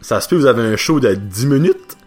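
Animated young Québécois man ranting. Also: mid-range voice, quick pace, faint music behind. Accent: Québécois French. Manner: exasperated, animated, swears casually. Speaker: podcast host. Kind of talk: solo podcast rant.

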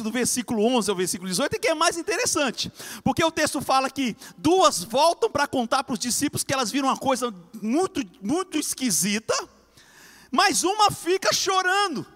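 A man preaching a fervent sermon, swinging between loud cries and hushed lines. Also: extremely high pitch, long reverb tail.

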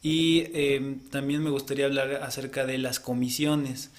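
A man's voice: mid-range voice, level tone, normal speed. Man co-hosting a podcast. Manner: explains at length, often ends with a questioning tag. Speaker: podcast co-host. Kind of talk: casual podcast chat.

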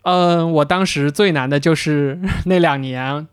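A man's voice: fairly high pitch, unhurried, clear, resonant tone, no room sound. A man co-hosting a casual podcast conversation, talking through his own path in a reflective, storytelling way with some repeated words. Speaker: podcast co-host, interaction designer. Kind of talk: casual chat.

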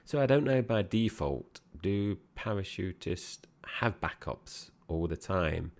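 A man's voice: low-pitched, lively intonation, slow. A man co-hosting a podcast, chatting casually about a film and addressing his co-host directly. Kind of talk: casual film review chat.

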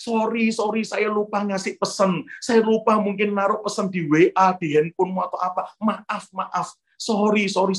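A man's voice: high voice, voice pushed up, close to an everyday voice. A man doing a flustered, apologetic housewife. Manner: rapid, pleading, repeated apologies. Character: flustered middle-aged housewife, apologetic then indignant.

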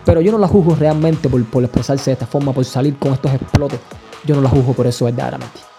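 A man hosting a podcast, giving measured, analytical commentary and often checking in with the listener. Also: medium pitch, vocal fry, over music. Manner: measured, analytical, often asks "you know?". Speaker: podcast host. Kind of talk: opinion commentary.

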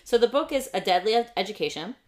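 A woman in her thirties co-hosting a casual podcast chat about books, enthusiastic and chatty with quick asides. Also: on the high side, expressive. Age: 30s. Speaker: podcast co-host.

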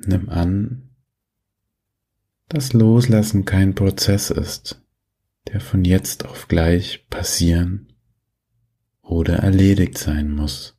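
A man guiding a sleep meditation in a soft, breathy voice, giving gentle, soothing instructions with long pauses. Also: low voice, fairly even intonation. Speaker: meditation guide.

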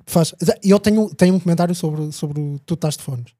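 A man with a European Portuguese accent and a husky voice, bantering casually on a podcast in slangy, sweary speech. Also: on the high side, fairly quick, warm tone, slight background noise. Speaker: comedian guest.

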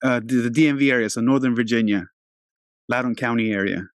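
A man's voice: mid-range voice, fast, dry recording, clean studio sound. A man from Albania in his thirties, hosting an interview in a laid-back, chatty way. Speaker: podcast host. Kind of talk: casual interview talk.

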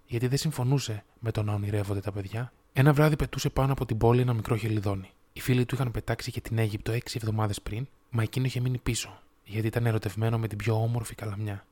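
A man reading a fairy tale aloud in a measured, steady storytelling manner. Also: on the low side. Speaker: audiobook narrator.

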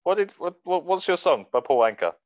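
A man's voice: high-pitched, very animated, fairly quick, darkish tone. A man hosting a casual music podcast, laughing often and swearing casually. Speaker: podcast host running a music list. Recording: dull muffled sound, dry.

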